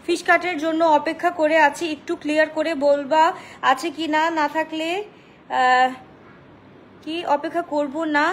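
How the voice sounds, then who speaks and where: A woman from Bangladesh hosting a live dress sale from home, talking loudly and chattily, mixing English phrases into her talk and reading out viewer comments. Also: high voice, echoey room, a little hiss or hum, poor audio. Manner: chatty, mixes English into Bengali, addresses viewers as apu; talks loudly on purpose. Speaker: online dress seller. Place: indoors, home.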